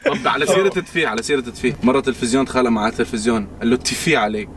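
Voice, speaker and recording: A man's voice: medium pitch, racing. A young man chatting and telling short jokes casually. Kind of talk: casual chat and joking. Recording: very noisy, off-mic.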